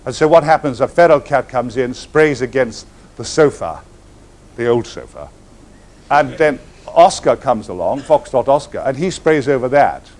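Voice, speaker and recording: A male actor on stage tells a theatrical anecdote to a live audience, using lavish, florid vocabulary. His delivery is lively and swooping, with sudden pitch swings and well-timed comic pauses.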